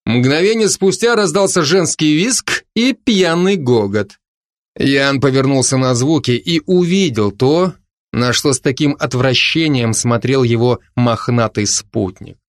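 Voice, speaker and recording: A man narrating a fantasy story in an even storytelling manner. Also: mid-range voice, a little slow, no echo, clean studio sound. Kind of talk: audiobook narration.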